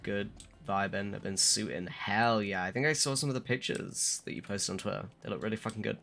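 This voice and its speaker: A hungover man streaming a game, chatting casually and haltingly with some swearing, his voice a little rough. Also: lowish voice, fairly bright tone, slight background noise. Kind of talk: casual livestream chat.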